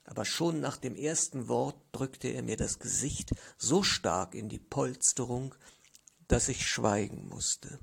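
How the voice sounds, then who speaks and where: A man reading a literary story aloud in the first person, measured and expressive. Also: medium pitch, creaky, slightly rough. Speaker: audiobook narrator.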